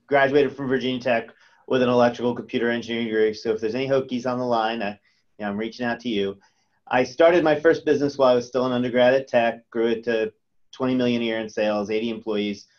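Guest presenter, man, mid-pitched, stumbly with repeated words, dull muffled call audio. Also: a little mellow. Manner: repeats words, many restarts. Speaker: guest speaker. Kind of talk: webinar presentation. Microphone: webcam on video call.

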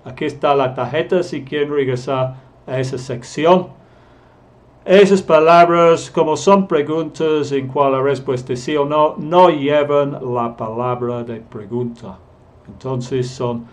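Slow, deliberate male English teacher. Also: on the high side. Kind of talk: grammar lesson explained in Spanish.

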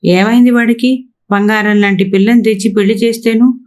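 A woman's voice: a little high, fairly even intonation, a little fast, a little mellow, voice pushed up, lightly acted. A domineering older father with a short temper, voiced by a woman narrator. He scolds and commands, his words clipped and impatient. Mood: gruff.

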